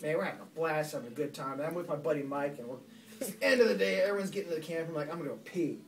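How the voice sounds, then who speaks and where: A man's voice: a little high, very fast, creaky, slight background noise. A young man telling a rambling, funny story to friends, laughing through his words and putting on other people's voices. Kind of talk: casual story told to friends. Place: room with a group of friends. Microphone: phone recording from across the room. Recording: roomy, distant phone recording with loud crowd. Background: friends laughing and talking.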